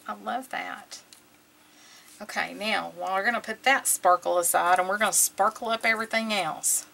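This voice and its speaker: A woman hosting a casual craft tutorial with a gravelly voice and a slightly sore throat, murmuring unhurriedly as she works. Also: mid-range voice, moderate pace, pushed and bright, a little hiss or hum, low-quality recording. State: slightly sore throat, clearing it now and then. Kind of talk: casual hands-on craft tutorial, talking while working.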